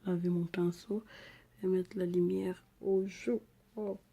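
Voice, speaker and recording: A woman with an African French accent talks casually through a makeup tutorial, filling pauses with repeated little words and murmuring asides while she works. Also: fairly low pitch, level tone, gravelly, dark tone. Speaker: makeup vlogger.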